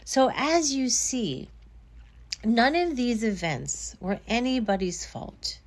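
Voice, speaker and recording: A middle-aged woman therapist calmly explaining self-blame through everyday examples, in a reflective podcast talk. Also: fairly high pitch, slow pace.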